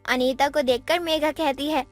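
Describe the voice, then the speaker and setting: A woman giving scripted, even-toned narration for an animated moral story. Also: high-pitched, moderate pace, soft background music.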